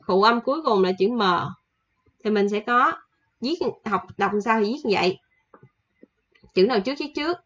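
Husky-voiced woman teaching casually. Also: on the high side, fairly bright tone, highs cut off. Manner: chatty, repeats examples slowly with fillers. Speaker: Korean language teacher. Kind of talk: casual online lesson.

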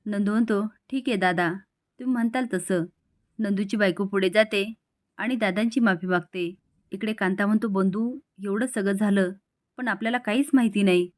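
A woman's voice: medium pitch, normal speed, dry recording, studio quality. A woman narrating a recap of a serial episode, reading out the characters' lines as she goes. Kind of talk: storytelling recap with quoted dialogue.

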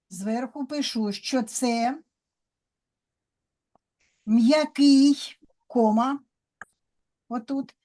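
Lady teacher talking kids through a lesson, kinda high voice, real slow. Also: mellow. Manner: slow, patient, explaining step by step. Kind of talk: children's language lesson.

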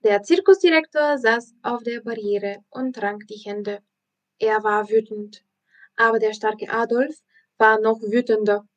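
A woman, a language teacher, narrating a children's audiobook in a careful, expressive reading. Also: a little high, measured pace, muffled recording.

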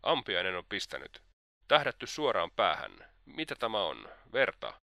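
A man's voice: lowish voice, very animated, gravelly, pushed and bright, dry recording, clean studio sound, full character voice. Man doing a taunting, mocking seducer. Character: scheming sensual man, mocking and persistent.

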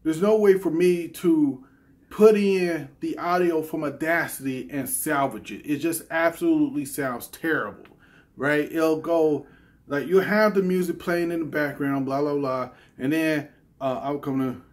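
Male gaming vlogger, slightly high voice, unhurried, rambling with lots of "uh"s. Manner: rambling, filler-heavy, often adds "right?". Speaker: YouTube gaming channel host. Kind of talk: casual channel update vlog.

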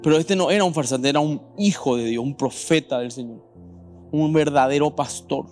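A man with a Paraguayan Spanish accent preaching a sermon as pastor at a church service, animated and questioning the congregation directly. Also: a little high, normal speed, soft background music.

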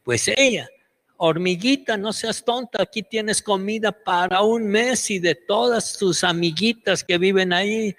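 Man voicing a sweet-talking ant-loving scientist, high falsetto, long hall reverb. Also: measured pace, fairly bright tone. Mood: coaxing. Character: kindly male zoologist who loves ants.

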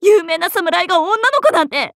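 High, animated young swordswoman, Miyamoto Musashi. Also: normal speed, a little hiss or hum, full character voice. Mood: astonished, indignant. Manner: playful, expressive, swinging between teasing and flustered. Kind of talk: Japanese anime-style mobile game character acting.

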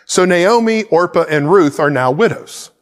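On a church stage with plants and a cross, a pastor in his forties preaches a sermon to camera, gesturing with a Bible. His voice sits high and animated at a moderate pace, sounding like it's in a large hall.

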